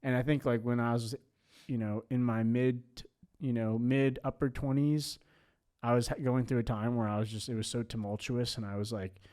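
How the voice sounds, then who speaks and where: A man's voice: mid-range voice, steady tone, moderate pace, a little mellow. A man in his late twenties in a casual podcast chat. He rambles, full of "like" and restarts. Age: 20s.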